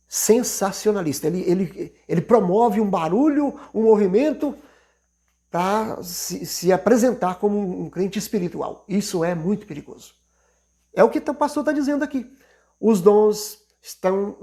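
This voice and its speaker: A middle-aged man teaching a Bible lesson in a conversational way, with frequent restarts and hesitations. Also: high-pitched. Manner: conversational, many restarts, mimics shouting worshippers. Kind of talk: Sunday school lesson.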